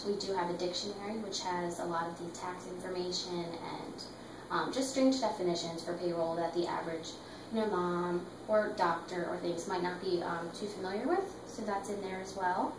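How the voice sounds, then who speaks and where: A woman in the role of a sales representative, giving a semi-rehearsed, persuasive sales pitch and explaining things to a client. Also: moderate pace. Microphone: distant microphone. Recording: roomy echo, distant mic, clear background noise.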